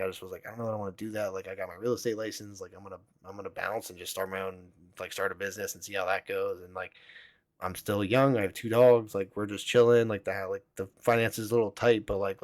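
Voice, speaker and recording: With a low voice and no echo in the recording, a young podcast host shares a personal story. He rambles and curses, leaning heavily on "like" throughout this casual storytelling.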